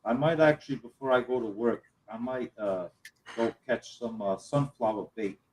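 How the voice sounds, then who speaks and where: A man talks casually in a live group chat. His voice sits at an average male pitch, in loose, conversational speech. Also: normal speed, a little mellow. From Cape Cod, Massachusetts.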